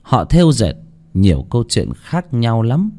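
A man's voice: medium pitch, wildly swooping pitch, a little slow, dark tone. A man narrating a folk horror story in a dramatic storytelling style. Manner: dramatic, swooping delivery.

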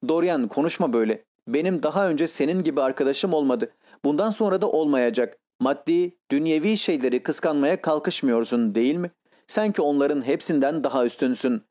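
A sincere, devoted painter, voiced by a male reader speaks with earnest urgency. The voice is warm and sits slightly high. It comes from a classic-novel audiobook. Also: lively intonation, a little fast, natural voice.

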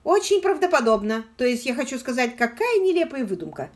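A woman voicing a smooth, haughty aristocratic man with a suave, ingratiating manner. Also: sits high, very animated, a little fast, pitched above the performer's own voice.

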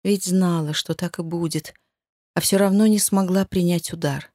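A woman narrating a first-person novel as an audiobook in a steady, emotive storytelling manner. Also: lowish voice, normal speed, no room sound, clean studio sound.

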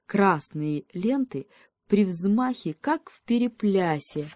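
A woman reading a children's fairy tale aloud in a calm, unhurried storybook manner. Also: medium pitch. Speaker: audiobook reader. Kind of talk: storybook narration.

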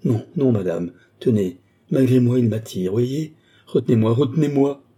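A man's voice: mid-range voice, normal speed, mellow, breathy edge, close to an everyday voice. A man reading an audiobook, voicing a terrified, pleading young woman. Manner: pleading, frightened.

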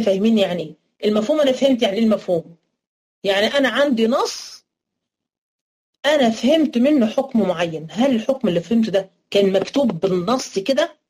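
A woman's voice: a little high, a little mellow, slightly rough. A woman with an Egyptian accent teaching a jurisprudence class, explaining terms step by step and answering her own questions. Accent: Egyptian Arabic. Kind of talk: interactive religious studies lesson. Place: online class recording.

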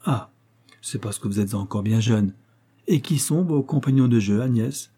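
A man playing a strict elderly spinster, measured and probing, dark and husky. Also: medium pitch, close to an everyday voice. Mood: stern, probing. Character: prim stern old spinster aunt.

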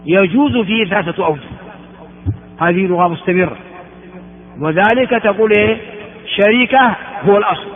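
A man from Ethiopia giving a classroom lecture on religious texts, repeating words and asking rhetorical questions of his students. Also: sits high. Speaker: religious teacher. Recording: phone-like sound in an echoey hall.

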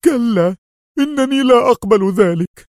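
A man voicing a tearful, heavyset male friend who cries out in a strained, high voice. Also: animated, moderate pace, darkish tone, no echo, studio quality. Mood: anguished.

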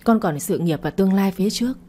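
A woman's voice: mid-range voice, animated, fast, warm tone, slight background noise, natural voice. A woman voicing a stern, worried middle-aged mother who presses her daughter with questions. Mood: angry, scolding. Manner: questioning, scolding.

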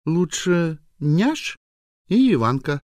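Combative young wife, done by a man, mocking, provocative, swooping pitch, dry close audiobook sound. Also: big pitch swings, darkish tone, dry recording. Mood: bickering. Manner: mocking, provocative, quick to snap. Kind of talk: audiobook character voice.

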